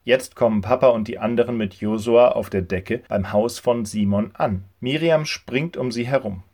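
Casting: Erzähler, Mann, ruhig und klar, Kinderbibel-Hörbuch. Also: male voice, mid-range voice, moderate pace, darkish tone. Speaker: narrator. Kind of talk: children's Bible story narration.

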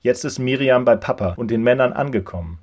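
Casting: Erzähler, Mann, ruhig und klar, Kinderbibel-Hörbuch. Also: male voice, medium pitch, fairly quick. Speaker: narrator. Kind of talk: children's Bible story narration.

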